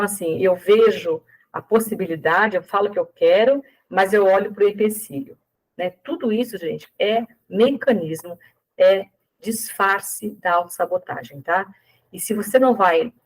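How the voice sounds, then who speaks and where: A woman's voice: mid-range voice, darkish tone, poor audio. Brazilian woman giving a casual live talk. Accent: Brazilian Portuguese. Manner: conversational, frequent fillers and tag questions. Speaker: speaker giving a talk on self-sabotage.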